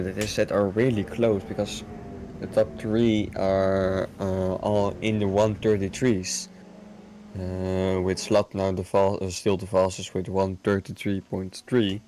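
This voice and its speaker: Slow-talking Dutch male co-commentator. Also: low-pitched, darkish tone, a little hiss or hum. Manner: slow, searches for English words, many fillers. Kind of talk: live race commentary.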